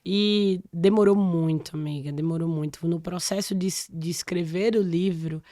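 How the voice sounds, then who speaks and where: A woman in her forties, originally from Salvador in Brazil, speaks as a guest on a podcast and tells a personal story in a lively, conversational way. She often breaks off mid-phrase and starts again. Her voice is recorded close to the mic in a dry room. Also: lowish voice, normal speed, dry recording. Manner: animated storytelling with many restarts. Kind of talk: casual interview chat.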